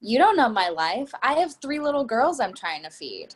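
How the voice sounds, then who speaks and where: A woman's voice: a little high, sing-song, normal speed, husky. A woman acts out a middle-aged woman begging from train passengers. The plea sounds practiced and aims for sympathy, delivered as readers theatre drama. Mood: rehearsed pleading. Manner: sympathetic but rehearsed pleading. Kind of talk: readers theatre stage reading.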